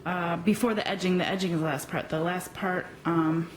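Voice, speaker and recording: A woman teaching a crochet tutorial step by step, pausing often with ums while she works. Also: lowish voice, steady tone, a little hiss or hum, rough recording. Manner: slow, hesitant with frequent ums, talking while working. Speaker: crochet instructor.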